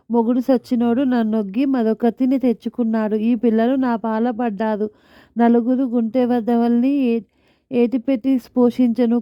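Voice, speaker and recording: A woman voicing a harsh, quick-tempered poor village mother who scolds in coarse village speech. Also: on the high side, clear, resonant tone, no echo, muffled recording, lightly acted.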